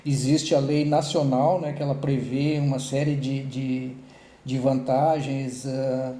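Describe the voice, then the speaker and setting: A man's voice: medium pitch, warm tone, echoey room. A man coordinating an online meeting, talking casually with many restarts and tag questions.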